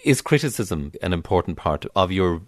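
A man hosting an arts interview, putting questions in a measured, conversational way. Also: sits low, very animated, dry recording. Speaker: radio interviewer, host.

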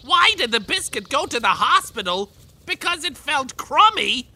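A woman's voice: sits high, sing-song, moderate pace, sharp tone, heavily acted. A woman playing a vain, menacing ancient pharaoh villain in a children's radio comedy, with an imperious, theatrical delivery. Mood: baffled, irritated.

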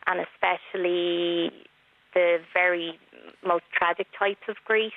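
A middle-aged woman calling into a radio show over a cordless landline phone, speaking softly and in a measured way. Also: on the low side, fairly even intonation, no echo. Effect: landline phone line. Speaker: caller. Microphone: cordless house phone. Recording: tinny landline phone line.

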